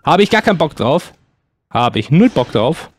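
German gaming guy, bouncy lively voice, yelps a lot, bit of faint hiss. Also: on the high side, moderate pace. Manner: excitable, exclaiming and yelping. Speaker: gaming YouTuber. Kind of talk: excited let's-play commentary.

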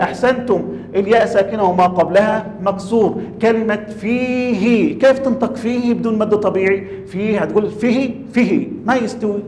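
Male tajweed teacher, high voice, quizzes the class, roomy hall with faint rumble. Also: darkish tone. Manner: questions the class, stretches example words slowly. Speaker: Quran recitation teacher.

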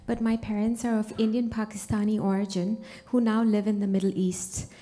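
A woman's voice: medium pitch, flat delivery, brisk, dark tone. A woman from Liberia asking a question from the audience in a conference hall, rambling with many "like" fillers.

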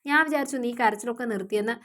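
Audiobook part: a woman reading a gruff yet tender young man, in a fairly high voice. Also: very fast, fairly bright tone, natural voice. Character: stern but tender young man, lover.

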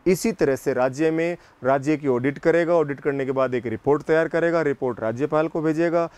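A man's voice: on the high side, a little mellow, dry recording. A man teaching political science in a classroom lecture, asking questions and answering them himself and repeating the key points. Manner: slow, deliberate delivery.

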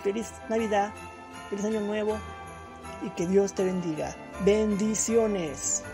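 A man's voice: high voice, steady tone, a little slow, gravelly, over music. A man from Guatemala, sending fervent religious holiday blessings. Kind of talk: recorded holiday greeting.

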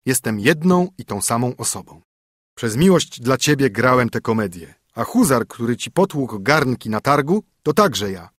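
A man's voice: medium pitch, big pitch swings, normal speed, fairly bright tone, no room sound, clean studio sound. A man voicing a stern poor minstrel husband, a disguised king, speaking in a scolding, commanding way in a storybook reading. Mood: reassuring.

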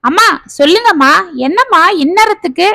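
A woman's voice: extremely high pitch, expressive, normal speed, bright, forceful tone, no echo, studio quality, pitched above the performer's own voice, exaggerated voice. A woman voicing a talkative maid who rambles on the phone in a family story. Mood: chatty. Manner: chatty, rambling. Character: talkative working-class maid, middle-aged woman.

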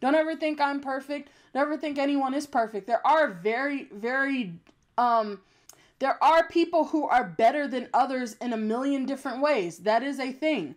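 A young adult woman with a high-pitched, youthful and young-sounding voice rants at a moderate pace as a YouTube commentator. The commentary is unscripted, blunt and emphatic, and she swears frequently.

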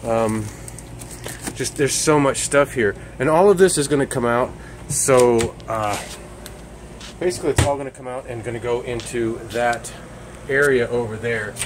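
This man, about forty, is a sailing vlogger narrating casually as he works, both on his boat and outdoors at the marina. He speaks at normal speed in a mid-range voice into a handheld camera held at arm's length, which picks up noisy audio and ambient hum.

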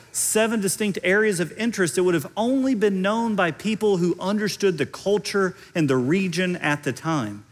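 Middle-aged male, Central Kentucky accent, teaching sermon, higher voice, lively intonation, conversational delivery. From central Kentucky, United States. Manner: conversational, explanatory, repeats phrases for emphasis. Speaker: preacher. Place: large indoor stage.

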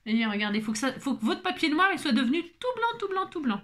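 A woman's voice: high-pitched, big pitch swings, fast talker, fairly bright tone. A woman hosting a casual crafting tutorial, out of breath, chatty and full of fillers and repetitions.

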